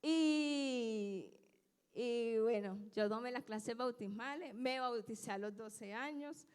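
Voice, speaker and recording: A woman's voice: on the high side, slow, a little mellow, clear, resonant tone. A woman telling a church testimony in a chatty, restarting way that turns into fervent, emphatic preaching. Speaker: church sister giving testimony. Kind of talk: personal testimony building into preaching. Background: instrumental music.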